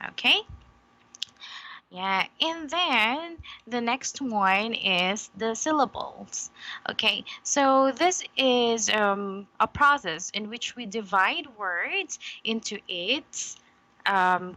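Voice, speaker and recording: A woman teaches a one-on-one English lesson over a computer mic, unhurried and deliberate. Her voice is bright and forward, and she checks in with her student after nearly every phrase. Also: mid-range voice, poor audio. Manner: patient, slow, frequent "okay?" checks.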